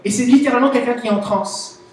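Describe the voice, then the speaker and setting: A woman with a Québécois French accent preaching a chatty, animated sermon, asking the audience questions. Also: fairly high pitch, fast, slight background noise. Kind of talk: conversational sermon. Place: church meeting hall. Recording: very echoey hall, voice from a distance. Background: soft guitar music.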